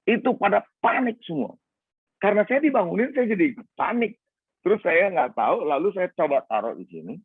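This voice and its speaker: Animated Indonesian pastor, gravelly voice. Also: male voice, high voice, normal speed, no room sound. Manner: animated storytelling, acting out quoted voices, humorous asides to the congregation. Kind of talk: sermon. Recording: tinny phone-like band, dry.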